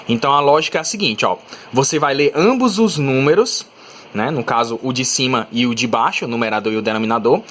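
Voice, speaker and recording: A man's voice: medium pitch, a bit bright. A male teacher with a Brazilian Portuguese accent, giving a recorded math lesson and often checking in with students. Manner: explanatory, checks in with "tá?" and "né?", stretches out examples.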